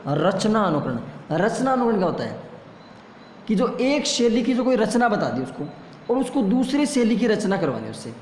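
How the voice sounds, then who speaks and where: A man's voice: high voice, sing-song, normal speed, darkish tone, a little hiss or hum. A man teaching a classroom lesson, asking questions and answering them himself, heard in an echoey room a long reverb. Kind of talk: classroom lecture.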